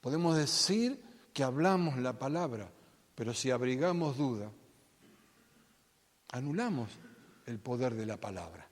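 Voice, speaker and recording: A man preaching a sermon as pastor, dramatic, acting out the Bible voices, swinging between loud and soft. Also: medium pitch, lively intonation, a little slow, pauses often. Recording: long hall reverb.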